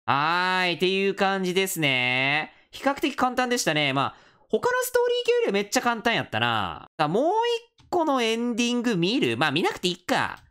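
Lively woman playing a game. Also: mid-range voice, fairly quick, hardly any pauses, smooth. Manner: playful, reads game text aloud and rallies the other players. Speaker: gaming channel host. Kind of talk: game commentary.

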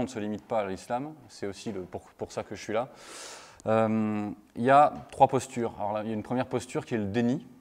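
In a conference hall with long reverb, a male lecturer gives a talk, hesitating often and filling it with fillers and restarts. His voice is lowish and a little mellow.

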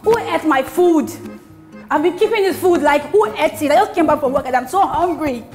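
A woman in her twenties performing a monologue as a hungry, tired woman shouting over her eaten food. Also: high voice, fairly even intonation, moderate pace, long reverb tail, natural voice. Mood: outraged. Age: 20s. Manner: shouting, whiny demands. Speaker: actor performing an audition monologue. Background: faint music.

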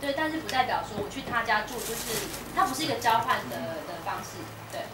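A woman chats quickly and a little high as a guest speaker, full of fillers and restarts. She is heard from a distance in a roomy bookstore, with clear background noise. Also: expressive. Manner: chatty, many fillers and restarts, laughs often. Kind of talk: casual public talk with audience. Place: indoor bookstore event space. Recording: roomy echo, distant mic, noisy room.

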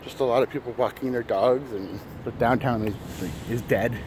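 A man's voice: mid-range voice, brisk. A man in his thirties chatting casually while walking, a bit out of breath, rambling with many fillers and restarts. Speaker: vlogger. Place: city street outdoors in early morning. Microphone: phone held at arm's length. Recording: phone audio with street noise. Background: traffic and city noise.

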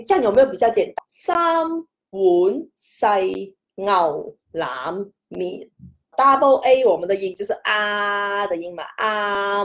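A woman's voice: medium pitch, a little mellow. A woman hosting a casual spoken lesson. She chats, peppers her talk with "OK", and stretches out single syllables to show each tone rising, falling or staying level. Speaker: host and language teacher.

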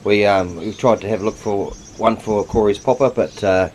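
A man's voice: lowish voice, fairly even intonation, normal speed, a little mellow. A man, hosting a casual vlog on a handheld camera. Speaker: host. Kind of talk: casual hunting vlog chat. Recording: noisy handheld camera audio.

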